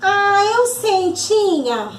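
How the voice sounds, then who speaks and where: A timid little girl, put on by a woman teacher, speaking in a high, slow and shy way. The voice sounds roomy, with faint music playing behind. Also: sing-song, full character voice. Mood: eager.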